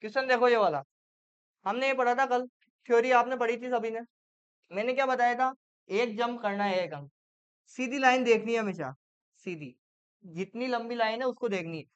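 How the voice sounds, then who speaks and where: Woman teacher w quizzing her class over and over, fairly high clear voice, kinda muffled lo-fi recording. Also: a little fast. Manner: quizzing students with repeated questions. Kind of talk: classroom reasoning lesson.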